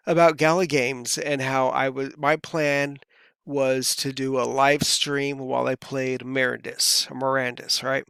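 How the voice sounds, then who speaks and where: A man's voice: medium pitch, a bit bright, smooth, no room sound, clean studio sound. A man from California talking casually to camera as a vlogger, rambling and easygoing with lots of fillers, his voice a bit worn. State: voice feels worn. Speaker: crypto vlogger.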